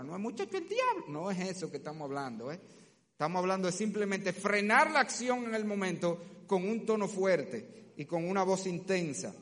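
A man preaching a sermon as pastor, forceful and emphatic, at times slowing and dropping to a soft, low voice. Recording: long hall reverb.

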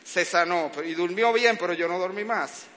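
A man preaching, his voice sitting high and sounding sharp and bright. He tells lively stories of fatherhood, acting out sounds as he goes. The sound carries a long hall reverb over a faint background hiss. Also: fairly quick. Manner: animated storytelling, acting out sounds and cries. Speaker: preacher, father of young children. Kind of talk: sermon with humorous family anecdotes.

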